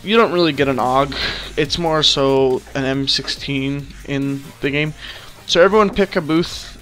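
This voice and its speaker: A man's voice: medium pitch, unhurried, fairly bright tone, faint music behind. A man hosting an online game session as a police trainer, bossy and mocking. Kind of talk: casual gaming chat.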